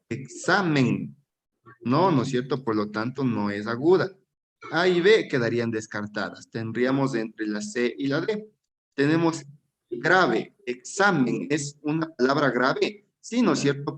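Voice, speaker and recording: An Ecuadorian man teaching an exam-prep class at an ordinary pitch for a man. He explains step by step and often stops to ask his students rhetorical check questions. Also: low-quality recording. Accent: Ecuadorian Spanish.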